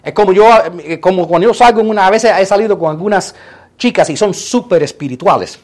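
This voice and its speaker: A man preaching a sermon, animated, acting out quotes playfully. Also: high-pitched, fast talker. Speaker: pastor.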